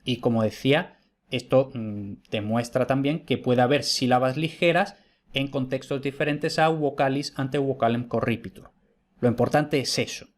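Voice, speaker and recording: A man teaching a lesson over slides, patient and explanatory, often checking with "¿vale?" and repeating key points. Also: medium pitch.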